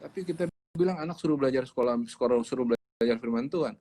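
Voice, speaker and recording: A man's voice: mid-range voice, rapid-fire, warm tone. A man preaching in a livestreamed sermon, speaking emphatically and repeating his key words. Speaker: pastor.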